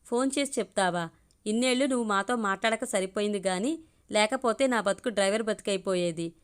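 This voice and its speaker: A woman's voice: mid-range voice, fairly quick, clear, resonant tone, natural voice. A woman reading as a grumbling big brother. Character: young man, grumbling but caring older cousin.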